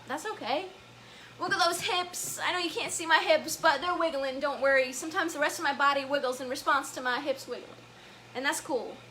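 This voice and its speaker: A woman's voice: high-pitched, pushed and bright, slight background noise, poor audio. A woman leading a children's story time, upbeat and playful, guiding wiggles and breathing and laughing often. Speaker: story time family educator.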